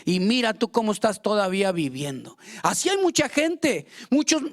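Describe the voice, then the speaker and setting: A man preaching a fervent sermon as pastor, acting out quoted prayers and complaints. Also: very high-pitched.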